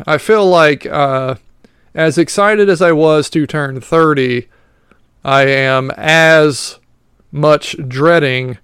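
A man in his late thirties talks through a casual solo podcast. He rambles and pokes fun at himself, with plenty of fillers along the way. His voice is smooth and resonant, recorded dry and close to the mic. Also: on the high side, a bit bright, dry recording. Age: 30s. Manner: rambling and self-mocking, with many fillers. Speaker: podcast host.

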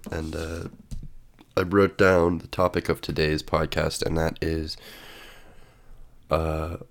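In an extremely low-pitched, level voice, a man takes his time through a solo podcast monologue, sitting at home with coffee. Nursing a stuffy cold, he muses aloud and reads definitions, filling gaps with many fillers.

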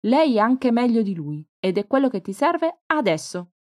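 A woman reading the lines of a lively, warm-hearted woman who runs a bed and breakfast, in an audiobook. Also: a little high, moderate pace, no room sound, clean studio sound, voice pushed up. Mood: cheerful.

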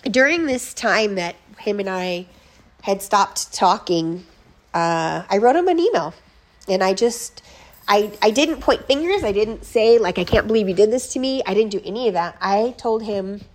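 A woman's voice: mid-range voice, expressive. Podcast host, woman, 30s; raw confessional monologue, swears freely, restarts, near tears. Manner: emotional, profane, halting with restarts. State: close to tears. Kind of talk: personal storytelling monologue.

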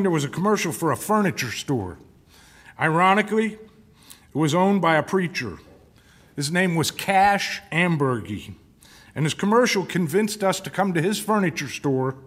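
Conversational male preacher, slightly high voice. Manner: conversational, asks the congregation questions. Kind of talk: sermon.

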